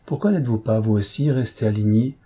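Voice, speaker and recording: A man voicing a gentle, affectionate elderly countess in a read-aloud novel. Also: on the low side, fast talker, breathy edge. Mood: kindly.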